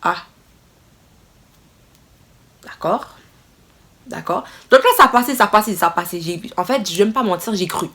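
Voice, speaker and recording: A young woman telling a casual storytime to her viewers, expressive and exclaiming as she retells the scene. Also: mid-range voice, normal speed, long pauses. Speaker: vlogger.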